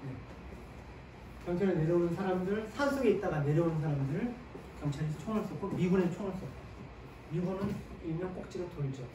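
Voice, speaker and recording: Male history lecturer, high voice, question-and-answer teaching manner, distant mic in a reverberant classroom. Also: lively intonation, brisk. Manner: asks the class questions and answers them himself; sprinkles short "네" affirmations while explaining. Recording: echoey room, mic at a distance, faint ambient noise.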